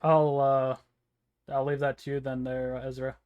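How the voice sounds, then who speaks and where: A man's voice: mid-range voice, flat delivery, a little slow, smooth, lo-fi sound. A man playing a tabletop game, switching casually between table chat and speaking for his character.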